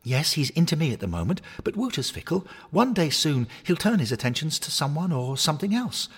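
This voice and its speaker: A man's voice: fairly high pitch, big pitch swings, fairly quick, slightly rough, long reverb tail, voice pushed up, full character voice. A man voicing a peppy hornet mascot toy. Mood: encouraging. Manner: earnest, coaxing pep talk. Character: cheerful male hornet mascot toy, upbeat and bossy.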